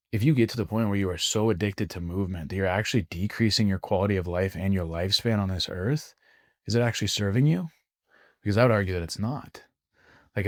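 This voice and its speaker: A man co-hosting a health podcast, explaining his views at length in a measured, casual way. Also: on the low side, dry recording, clean studio sound. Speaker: podcast co-host.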